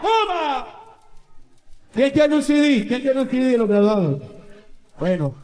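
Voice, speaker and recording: A man singing on stage and shouting cues to a party crowd between verses. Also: very high-pitched, sing-song, moderate pace. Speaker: live singer and MC. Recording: echoey venue with live band.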